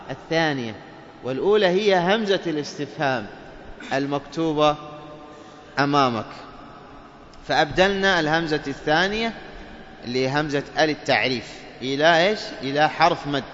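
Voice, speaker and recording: A man teaches Quran recitation, walking the class through each point, putting questions to them and then answering them himself. He slowly draws out the sounds he demonstrates. The recording is dull and lo-fi, with a long hall reverb and faint hiss. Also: a little high, fairly bright tone. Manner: explains step by step, asks and answers his own questions. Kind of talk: classroom lesson on tajweed.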